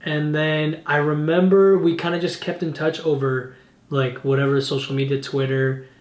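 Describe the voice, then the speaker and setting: A man's voice: on the high side, flat delivery, moderate pace. A man in his twenties hosting a podcast, joking around and swearing casually as he chats. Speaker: podcast host. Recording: echoey room.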